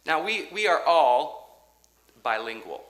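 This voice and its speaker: Male pastor, bright and clear, slow deliberate sermon delivery, reverberant sanctuary. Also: fairly high pitch, sing-song. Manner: measured, rhythmic preaching with dramatic pauses and quiet drops. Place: church sanctuary. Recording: echoey church sanctuary.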